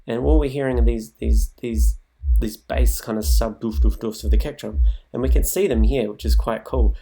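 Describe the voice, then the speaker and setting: A man with a mid-range, steady voice, vocal fry, and a breathy edge presents a music production tutorial at normal speed. Casual and improvised, he thinks aloud while demonstrating on his computer, with music loops from the software playing in the background.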